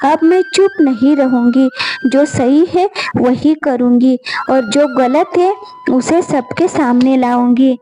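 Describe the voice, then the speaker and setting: A resolute young wife in an animated storybook who will not stay quiet anymore, played by a woman reader. Her voice is high and mellow, and she speaks in a slow, firm way. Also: poor audio. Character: young wife standing up firmly to her in-law.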